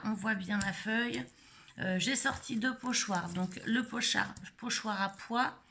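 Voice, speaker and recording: A woman's voice: medium pitch, gravelly, pushed and bright. A middle-aged woman casually demonstrating a craft technique live, rambling with many hesitations and fillers. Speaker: scrapbooking vlogger.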